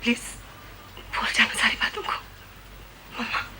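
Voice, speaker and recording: A woman's voice: moderate pace, pushed and bright, poor audio. An actress in her thirties playing a married daughter who keeps pleading with her mother, in a television drama. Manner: pleading, repeats "mamma", mixes in English phrases. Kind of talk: 1990s television drama acting. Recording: hissy old TV archive recording.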